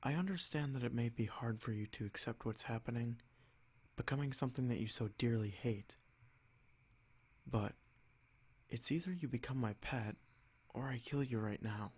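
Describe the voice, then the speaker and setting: In an ASMR roleplay, a man voices a haughty, possessive noble vampire lord, explaining things in a measured, condescending, softly threatening way. His voice is natural, medium-pitched and slightly rough.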